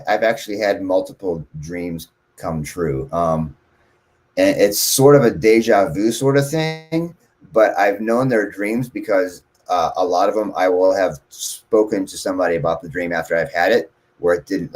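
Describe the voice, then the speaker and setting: Guy with a lowish voice, musician guest, rambles through stories in a casual interview. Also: unhurried. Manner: rambling, animated storyteller.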